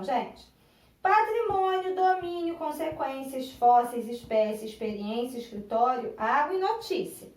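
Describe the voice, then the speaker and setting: Brazilian woman teacher, high voice, slow patient delivery, echoey room, mic far off. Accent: Brazilian Portuguese. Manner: patient, spells out syllables slowly and repeats words. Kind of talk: recorded online classroom lesson.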